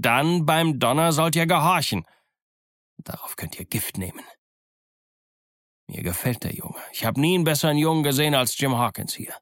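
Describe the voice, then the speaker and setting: A man's voice: on the low side, gravelly, fairly bright tone, no echo, clean studio sound. A man voicing a scheming old one-legged pirate captain who growls threats and mocks his crew. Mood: commanding. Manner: growling threats, mocking and commanding. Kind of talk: audiobook character voice.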